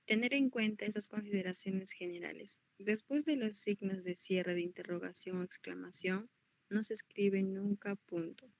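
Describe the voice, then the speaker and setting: A woman student reading a passage aloud at an even pace in an online class. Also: medium pitch, normal speed.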